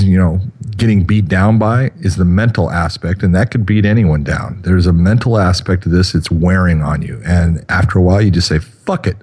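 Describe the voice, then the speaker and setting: A man in his fifties talks on a podcast with a lowish voice, rambling from thought to thought and padding his lines with fillers. He sounds easygoing and conversational. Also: a little mellow, husky. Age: 50s. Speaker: podcast co-host. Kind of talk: casual chat.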